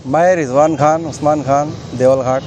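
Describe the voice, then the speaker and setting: A man's voice: a little high, steady tone, moderate pace, darkish tone, slight background noise. A man, a social activist on hunger strike, giving a plain, complaining statement outdoors near a road. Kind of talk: on-the-spot statement.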